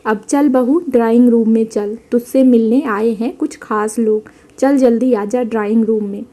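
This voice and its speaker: A woman's voice: a little high, steady tone, normal speed, warm tone, lightly acted. A woman voicing a stingy, nagging mother-in-law. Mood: scolding. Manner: nagging, complaining.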